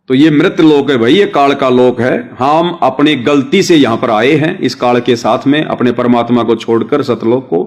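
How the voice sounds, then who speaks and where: A man giving a devotional sermon, explaining with everyday examples and addressing his listeners as brothers and sisters. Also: mid-range voice. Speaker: devotional speaker.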